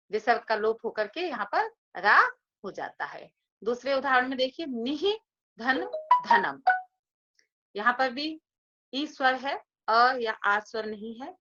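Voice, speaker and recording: A woman's voice: a little high, pushed and bright. A woman teaching Sanskrit grammar in a patient, step-by-step lecture, repeating each point. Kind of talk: explanatory classroom lecture. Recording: dull lo-fi recording.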